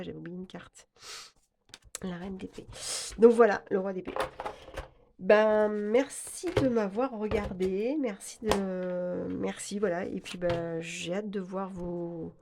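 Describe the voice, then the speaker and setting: A woman's voice: medium pitch, creaky, background noise. A woman hosting a casual tarot video, chatty and hesitant with many fillers and laughs. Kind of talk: casual chat about tarot cards.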